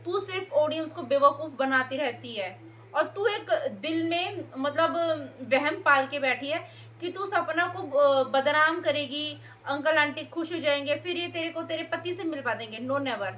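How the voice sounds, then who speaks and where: A woman's voice: high-pitched, measured pace, fairly bright tone, slight background noise. A young woman ranting in a heated reaction video, scolding and sarcastic, mocking the people she criticizes. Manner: scolding, sarcastic, mocks others by mimicking them. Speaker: YouTube reaction commentator.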